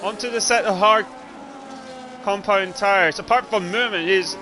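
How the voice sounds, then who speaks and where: A man with a high, unhurried voice provides live race commentary on a livestream of a sim racing event. The recording is clearly noisy, with engine noise in the background.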